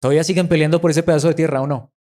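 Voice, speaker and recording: A man's voice: on the high side, steady tone, very fast, mellow. A man preaching a sermon emphatically, asking his listeners rhetorical questions and repeating words for stress.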